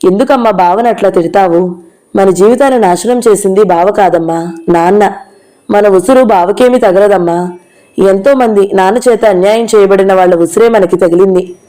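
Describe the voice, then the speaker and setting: A woman's voice: medium pitch, normal speed, dark tone, natural voice. A woman reading the part of an ill young woman who speaks in a weary, resigned way, in an audio novel.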